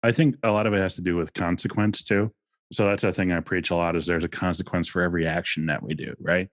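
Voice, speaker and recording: A man's voice: sits low, fairly even intonation, fast, no room sound, studio quality. A man co-hosting a casual podcast, giving reflective advice in a conversational way. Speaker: podcast co-host.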